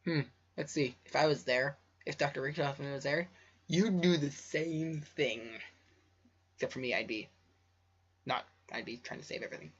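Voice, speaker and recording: On a dull lo-fi home recording, a man who makes videos as an amateur fan fiction reader reads a story casually, tripping over words and drifting into offhand remarks. His voice is a little high, a bit bright and slightly rough, at normal speed.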